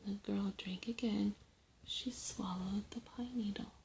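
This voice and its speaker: A woman storyteller narrating a trickster folk tale in short, deliberate phrases with dramatic pauses. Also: medium pitch, steady tone, vocal fry, a little mellow, slight background noise, rough recording.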